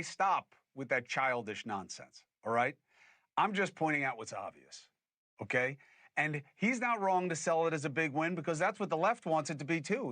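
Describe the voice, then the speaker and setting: Male host doing a political rant, bright sharp voice, emphatic, dry close sound. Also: a little high, no echo. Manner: emphatic and animated, with scornful laughs. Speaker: podcast host. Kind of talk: political commentary.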